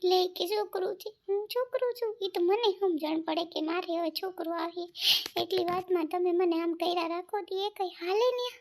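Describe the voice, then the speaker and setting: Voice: extremely high pitch, brisk, a little mellow. A performer playing a touchy young wife who complains in a whiny tone in a family comedy skit. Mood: hurt.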